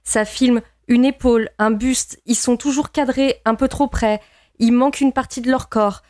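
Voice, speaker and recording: A woman's voice: on the high side, steady tone, moderate pace, a little mellow, dry recording, clean studio sound. A woman in a casual film discussion, analytical and opinionated, often repeating words as she works out her point.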